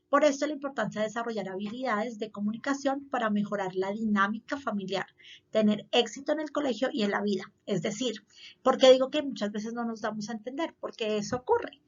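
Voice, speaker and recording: A woman school counselor gives an earnest, explanatory talk to parents, repeating points for emphasis. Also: fairly high pitch. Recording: slightly dull lo-fi audio.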